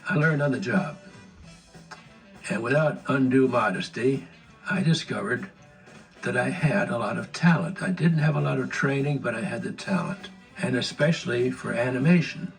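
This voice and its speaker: A man's voice: medium pitch, moderate pace, gravelly. An older man, a former animator, telling stories of his studio days in an interview. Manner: anecdotal, storytelling. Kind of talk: reminiscing interview. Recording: distant mic with music underneath.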